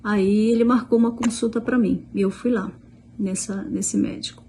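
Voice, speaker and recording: Woman, Brazilian Portuguese accent, middle-aged, warm dark voice, casual storytelling, quoted dialogue, at home. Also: medium pitch, steady tone, moderate pace, a little hiss or hum. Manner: chatty, retells dialogue with many "aí eu falei" restarts. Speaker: vlogger, mother.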